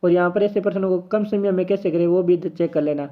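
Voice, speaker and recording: A man talks quickly through an exam practice problem, thinking aloud and cheering himself on as he solves it. His voice sits high for a man. The sound is tinny and narrow, like a phone line. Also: steady tone. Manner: chatty, encouraging, thinks aloud while solving. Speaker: exam coaching teacher. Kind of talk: casual tutorial lesson.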